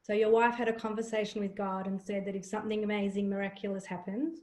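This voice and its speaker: A woman's voice: mid-range voice, flat delivery, quick pace, darkish tone, reverberant, poor audio. A woman hosting an online interview, asking friendly, prompting questions.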